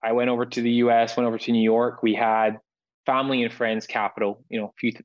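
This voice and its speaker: Speaking from indoors at home, a man in his early thirties from Scotland, the founder of a company, is interviewed over video call. He lays out points one by one in a steady, measured manner. His mid-range voice comes through with the highs cut off.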